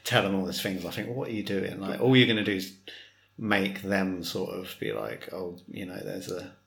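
A man's voice: sits low, lively intonation, normal speed, vocal fry, fairly bright tone. A man co-hosting a podcast, chatting candidly and questioning himself as he goes. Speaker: podcast co-host. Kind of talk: casual chat. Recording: roomy echo.

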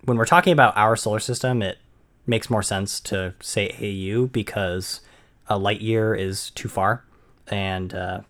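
Man explaining with halting restarts. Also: lowish voice, a bit bright. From Maine. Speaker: podcast co-host. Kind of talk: casual chat.

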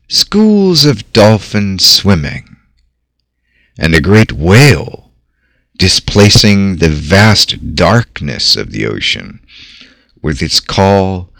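A man narrating a guided visualization in a measured, theatrical manner with long dramatic pauses. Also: sits low, dry recording. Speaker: host. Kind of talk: slow guided visualization narration over music. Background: soft background music.

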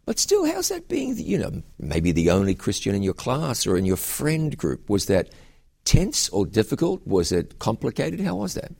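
A man who is a pastor and host, interviewing a guest with curious, quick follow-up questions and frequent restarts. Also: lowish voice, huge pitch swings, vocal fry, a little mellow, breathy edge.

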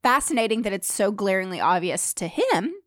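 A woman's voice: medium pitch, sing-song, brisk, fairly bright tone, no echo, clean studio sound. A woman talking casually on a podcast, telling stories and acting out quotes. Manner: conversational storytelling with acted quotes. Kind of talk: casual conversation.

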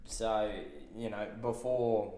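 A man's voice: on the low side, little pitch movement, slow pace, warm tone, a little hiss or hum. An Australian man, a painter and guest, spinning a casual swearing yarn in an echoey room. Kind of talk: casual storytelling.

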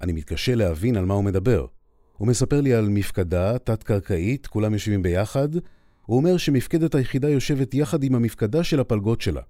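A man narrating a first-person war story in an expressive, conversational way. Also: on the low side, no room sound, clean studio sound.

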